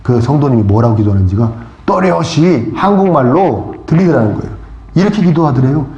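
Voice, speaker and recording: Pastor preaching in an echoey church. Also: male voice, mid-range voice, expressive, a little fast, warm tone, lo-fi sound. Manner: storytelling, asks the congregation questions. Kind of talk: sermon.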